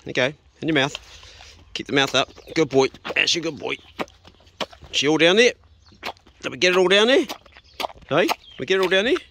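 A middle-aged homesteading vlogger with a New Zealand accent casually explains his jobs on a rural homestead and in the bush, relaxed and practical, coaxing his dog outdoors with "good boy" and "mate." His gravelly voice is on the high side, at normal speed with frequent pauses. The body-worn action camera picks up a noisy background.

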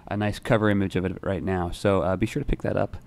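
A young man in his twenties hosting a casual newsroom chat at a desk microphone, relaxed and rambling, with many fillers and restarts. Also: low voice, fast, gravelly. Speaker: music writer and show host. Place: newsroom studio.

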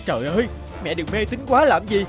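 A man voicing a patient young husband who reasons gently with his mother in a cartoon. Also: high-pitched, animated, brisk. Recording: loud background music.

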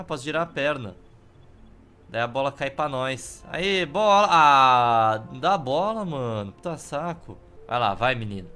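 A man's voice: medium pitch, pushed and bright. A Brazilian man casually commentating a video game as he plays, with wry, offhand humour. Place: indoor room. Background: game music.

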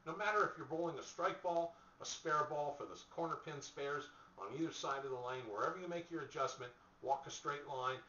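A man's voice: on the high side, pushed and bright, slight background noise. Middle-aged man coaching on an echoey webcam. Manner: plain-spoken coaching, with fillers and restarts. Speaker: bowling instructor. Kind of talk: instructional tips video. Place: small indoor room, seated in a chair. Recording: echoey room, distant mic, dull lo-fi sound.

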